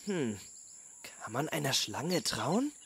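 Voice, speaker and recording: Woman doing a little boy dinosaur, greedy, whiny, lively pitch, storybook. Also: slow, vocal fry, a little hiss or hum, full character voice. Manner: whiny and eager, talks with mouth full. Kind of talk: children's storybook reading.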